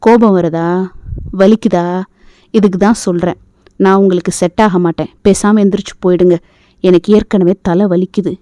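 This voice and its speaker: A woman voicing a proud, sharp-tongued young woman in an audio novel. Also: mid-range voice, fairly even intonation, normal speed, pauses often, no room sound, lightly acted. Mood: sarcastic. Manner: pleading, then irritated and sarcastic. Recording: dull lo-fi dry recording.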